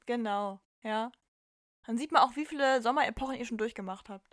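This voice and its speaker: A woman in her twenties co-hosting a podcast, telling stories in a casual, lively way and laughing often. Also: fairly high pitch, fairly quick, no room sound, clean studio sound. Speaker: podcast co-host. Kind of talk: casual chat.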